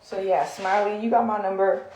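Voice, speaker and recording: A woman's voice: medium pitch, steady tone, moderate pace, a little mellow. A young woman in a heated, blunt rant to the camera, swearing and filling with "like". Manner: heated, blunt, swears often, many fillers. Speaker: social media personality. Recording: echoey room.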